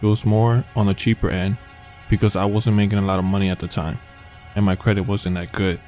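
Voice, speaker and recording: A man narrating true horror stories in a calm, even storytelling manner. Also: fairly low pitch, a little fast. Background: faint background music.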